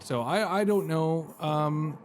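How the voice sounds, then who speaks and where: A male video game streamer talks slowly in a fairly high voice, giving laid-back let's-play commentary that rambles and leans on self-deprecating jokes. Game music plays behind him amid background noise.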